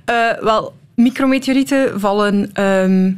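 Female, twenties, Flemish accent. Researcher guesting on an interview, explains informally and pauses to find words. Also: mid-range voice, clear, resonant tone. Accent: Flemish Belgian.

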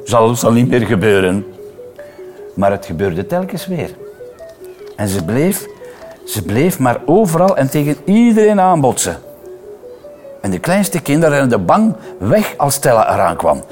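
A man reading a children's story aloud, expressive and playful, switching into voices for the characters. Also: mid-range voice, a little slow, faint music behind. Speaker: reader.

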